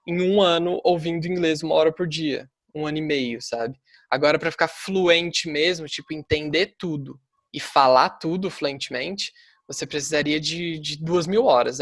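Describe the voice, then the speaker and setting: Man, Brazilian Portuguese accent, language teacher, casual debate, quick and chatty, dry close sound. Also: a little high, a bit bright, no echo. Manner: quick and chatty, many fillers like "tipo" and "né".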